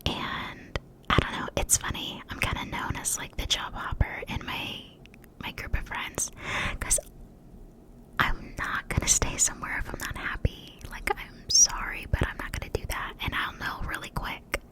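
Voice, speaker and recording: A young American woman gives a rambling ASMR talk in a breathy whisper close to the mic, sometimes slowly repeating words. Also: pushed and bright, poor audio. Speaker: ASMR creator. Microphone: close mic for cupped whispering.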